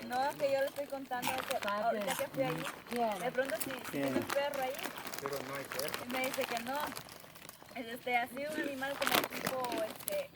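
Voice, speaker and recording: A woman with a Salvadoran accent insists excitedly on what she has just seen. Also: sits high, moderate pace, heavy background noise. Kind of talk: casual chat.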